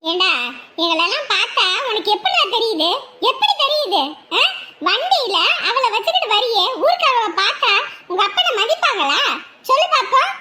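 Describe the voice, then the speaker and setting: A woman's voice: extremely high pitch, sing-song, moderate pace, background noise. An actress playing an anxious, self-pitying village mother, scolding and lamenting in a drama.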